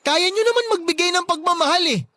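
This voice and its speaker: Heavily acted and expressive, a young man's very high-pitched, sharp voice rushes along as he portrays a neglected, resentful grown son in radio drama. He comes across as hurt and reproachful, plaintive yet respectful, in emotional acting.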